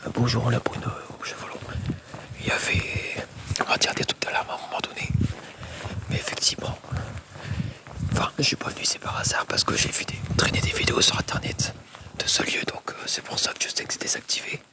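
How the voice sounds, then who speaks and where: A man vlogging while exploring an old factory site, whispering tensely and swearing often. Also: a little fast. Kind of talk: whispered casual vlog narration.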